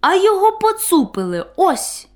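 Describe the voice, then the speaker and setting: A woman voicing a cheeky, bossy male kitten in a storybook tale, with a sharp, scolding manner. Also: very high-pitched, very animated, normal speed, pitched above the performer's own voice. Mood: earnest.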